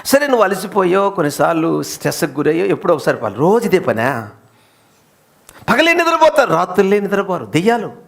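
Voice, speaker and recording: A man preaching a Telugu sermon as pastor, firing rhetorical questions at the congregation and dropping to low, intense asides. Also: sing-song, a little fast, creaky. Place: church service.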